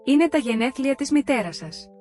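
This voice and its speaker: A woman voicing an exhausted young wife and hostess who has had enough of her ungrateful in-laws, read in a calm, even way. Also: sits high, soft background music. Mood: indignant.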